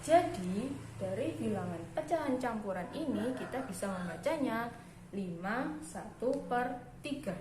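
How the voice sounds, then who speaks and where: A woman's voice: fairly high pitch, animated. A young woman teacher patiently explaining a primary school math lesson step by step. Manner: slow, patient explaining with frequent "nah". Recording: echoey room with background noise.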